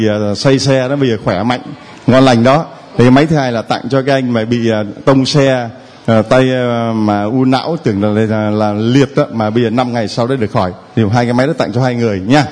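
A priest in a long-echoing hall. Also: male voice, mid-range voice, darkish tone. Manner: calls out to the congregation. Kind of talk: leading a church healing service. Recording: long hall reverb, faint ambience.

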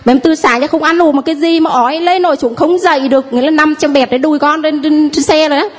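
A congregant gives spoken testimony to the priest and congregation about healings, her high voice holding a steady tone. She talks quickly yet hesitantly, filling her speech with fillers.

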